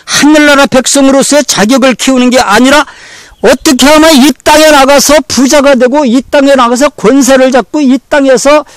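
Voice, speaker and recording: A man's voice: very high voice, steady tone, moderate pace, dry recording. A man preaching a sermon as pastor, repeating phrases again and again and firing rhetorical questions at the congregation. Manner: repeats phrases over and over for emphasis.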